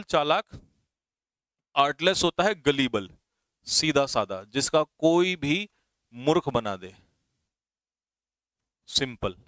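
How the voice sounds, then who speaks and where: A man's voice: a little high, fairly bright tone, clear, resonant tone, dry recording. A man teaching English vocabulary for an exam, often checking whether his students have understood. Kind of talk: exam vocabulary lesson in Hindi.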